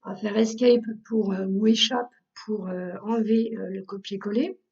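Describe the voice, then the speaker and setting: A woman who trains people on Google Workspace, explaining a software task step by step with frequent fillers, recorded as a screen tutorial. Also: mid-range voice, fairly even intonation, normal speed, vocal fry, far from the mic, muffled recording.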